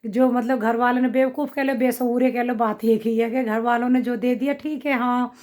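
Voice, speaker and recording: A woman's voice: fairly high pitch, fairly even intonation, fairly quick, darkish tone. A middle-aged woman with a slight cough, chatting to her viewers in a rambling account of her family's day. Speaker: family vlogger. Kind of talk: casual vlog talk to camera.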